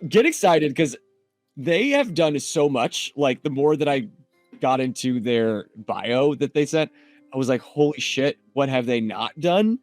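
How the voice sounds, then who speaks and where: A man's voice: medium pitch, lively intonation, a little slow, no room sound, soft background music. A man hosting a podcast in casual chat, chatty and upbeat as he hypes up a guest. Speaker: podcast host.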